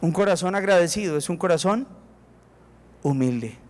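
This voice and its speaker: In a reverberant hall, a man with a Colombian Spanish accent preaches as pastor at normal speed, animated and emphatic as he acts out his prayers to God. His voice is high.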